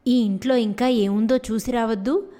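A woman's voice: a little high, steady tone, normal speed, mellow, natural voice. A woman voicing a curious young girl in a fairy tale who asks anxious questions. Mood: worried, curious.

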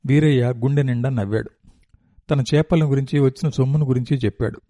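A man reading a novel aloud as narrator, in a steady, descriptive storytelling manner. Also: medium pitch, quick pace, no echo.

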